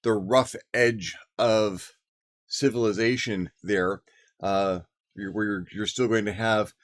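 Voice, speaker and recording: A man's voice: fairly low pitch, fairly even intonation, slow. A man hosting a casual, rambling monologue about game ideas, with many fillers and restarts. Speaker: host. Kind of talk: casual monologue on tabletop gaming.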